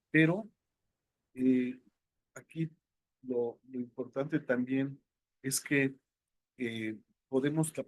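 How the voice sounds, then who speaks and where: A man teaching an online lecture, thinking aloud and filling pauses with hesitations. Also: medium pitch, dry recording. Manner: unhurried, thinking aloud with many fillers. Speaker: instructor.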